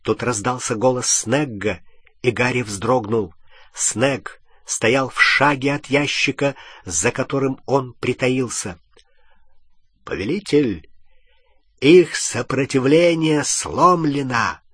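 Husky male audiobook narrator. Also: medium pitch, slow, fairly bright tone, no room sound.

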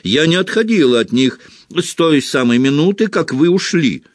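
A man's voice: fairly high pitch, lively intonation, moderate pace, no room sound, studio quality, voice pushed up. A man voicing a stern, fussy female school nurse in an indignant, scolding manner. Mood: offended.

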